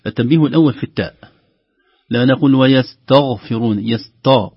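Husky man teaching slow recitation. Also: mid-range voice, no echo. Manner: alternates explanation with slow, drawn-out recitation. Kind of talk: recitation lesson. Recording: lo-fi radio broadcast.

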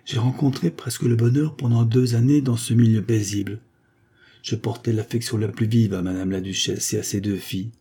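A man's voice: lowish voice, fairly even intonation, fairly quick, dark tone, slightly rough. A man voicing a melancholy young woman accused of a crime, telling her story in a sorrowful then firm way. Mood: wistful.

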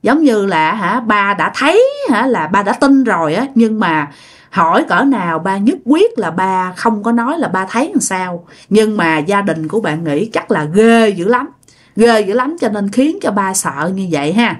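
A woman's voice: mid-range voice, animated, moderate pace. A woman narrating a ghost story in a chatty, dramatic way, talking straight to her listeners.

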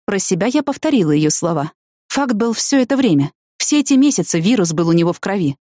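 A woman narrating a first-person novel in an even, measured storytelling voice. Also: medium pitch, no room sound, clean studio sound. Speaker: audiobook narrator.

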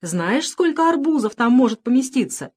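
A woman's voice: high-pitched, sing-song, normal speed, darkish tone, husky, voice pushed up, exaggerated voice. A woman voicing a dim-witted, cheerful male space pirate who talks eagerly and whines. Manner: eager, whining.

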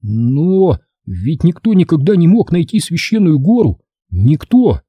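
A man's voice: fairly high pitch, big pitch swings, a little slow, slightly rough, no echo, dull audio, voice pushed up, exaggerated voice. A man voicing a frightened, stubborn twelve-year-old hunter boy in an audiobook, speaking in an urgent, pleading, tearful way. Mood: anxious pleading.

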